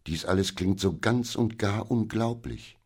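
A man's voice: lowish voice, a little slow, husky, pitched above the performer's own voice. Man doing a female housekeeper, agitated, breathless, pleading, raised voice, audiobook. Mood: excited. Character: excitable female housekeeper companion, middle-aged. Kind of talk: audiobook character reading.

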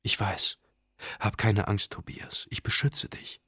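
A man's voice: on the low side, a little slow, breathy edge, no echo, clean studio sound. A man reading an audiobook, voicing a brave, protective young village woman in a raised, firm voice. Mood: reassuring.

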